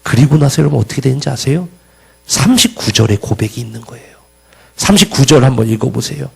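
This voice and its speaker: A man's voice: mid-range voice, animated, fast talker, vocal fry, slightly rough, poor audio. A man preaching a sermon, questioning the congregation and reading scripture aloud with emphatic rises. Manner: asks the congregation questions, loud emphatic peaks.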